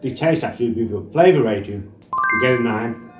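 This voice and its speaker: Casual male reviewer, 40s, middle-pitched, informal and halting, recorded across a table in an echoey room. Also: animated, loud music behind the voice. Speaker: snack reviewer. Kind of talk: casual food review to camera. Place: small bare indoor room. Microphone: camera across a table. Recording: echoey room with clear background noise.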